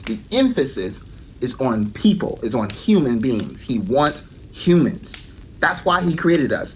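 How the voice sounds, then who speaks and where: A man's voice: medium pitch, a little hiss or hum. A man giving an earnest devotional teaching and often repeating his key points for emphasis.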